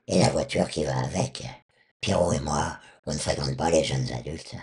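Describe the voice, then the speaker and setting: Older male storyteller; honking, duck-like rasp, extremely low and rough, telling life memories. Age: 60s or older. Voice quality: honking duck-like voice, hoarse and rough from removed vocal cords. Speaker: former rock singer, interview guest.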